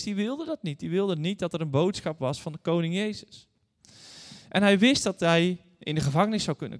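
A guest preacher in his thirties or forties delivers an earnest sermon, moving between scripture and stories while speaking directly to the congregation. His voice sits a touch higher than most men's. It rings out with a long reverb trail in a large church hall.

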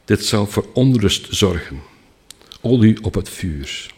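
A man preaching a sermon in an earnest, emphatic way. His voice sits low and sounds husky. He often slows down and drops almost to a hush. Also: expressive, in a large hall.

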